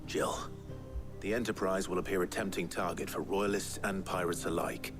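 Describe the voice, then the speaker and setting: An actor playing a grave, commanding warrior leader in a fantasy video game. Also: male voice, low-pitched, fairly even intonation, moderate pace. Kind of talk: dramatic video game acting. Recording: game music playing behind the voice.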